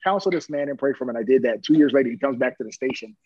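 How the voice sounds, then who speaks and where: Husky middle-aged man telling stories. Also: medium pitch, very fast, a little mellow, no room sound, dull audio. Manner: earnest, plain-spoken, chuckling storyteller. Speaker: police officer. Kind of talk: personal storytelling in an interview.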